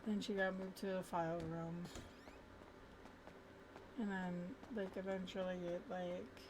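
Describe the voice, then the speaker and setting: Woman game streamer, slightly low pitch, informal rambling storytelling, noticeably noisy recording. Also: little pitch movement, a little slow. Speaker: game streamer narrating roleplay character's story. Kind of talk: casual gameplay storytelling.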